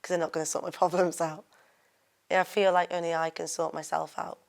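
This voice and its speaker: A woman speaking quietly and hesitantly in a documentary interview, her sentences trailing off. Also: lowish voice, flat delivery, fairly quick, vocal fry. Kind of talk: documentary interview, personal account.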